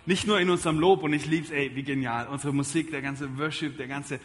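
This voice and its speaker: A man preaching a sermon in church, emphatic and lively, moving between loud calls and quiet appeals. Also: fairly high pitch, a little fast, big-room sound. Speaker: pastor. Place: church service.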